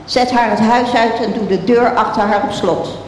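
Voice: fairly even intonation, moderate pace, natural voice. A reader voicing a harsh young prince who gives curt commands, in a roomy, echoing hall. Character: young prince, lovesick then cold and harsh. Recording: roomy hall reverb, faint rumble.

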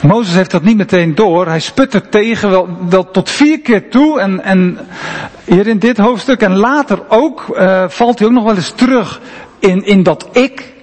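A man's voice: high voice, measured pace. A man preaching a sermon in a conversational, emphatic way, often asking rhetorical questions. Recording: long reverb of a large hall.

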